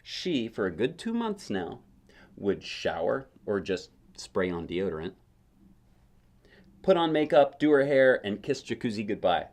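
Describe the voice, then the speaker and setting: This reader has a fairly low, somewhat mellow voice that's sing-song and a touch slow. He reads a kids' picture book like a parent, chatting casually and asking the listener questions as he goes.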